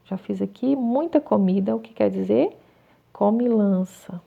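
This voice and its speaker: A woman teacher with a Brazilian Portuguese accent, slowly talking children through a textbook exercise and spelling words out one by one. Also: medium pitch, gravelly. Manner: slow, drawn-out word by word dictation. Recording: tinny phone-like recording.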